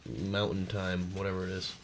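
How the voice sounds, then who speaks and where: A man's voice: sits low, steady tone, normal speed, a little hiss or hum. A man co-hosting a casual livestream chat, easygoing and mild, with an East Coast American accent.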